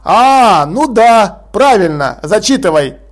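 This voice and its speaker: A stubborn watch commander, as a male narrator plays him, blunt and dry, issuing orders in a fairly high man's voice. He sounds firm and unimpressed throughout. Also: sing-song, slow pace, heavily acted. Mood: commanding.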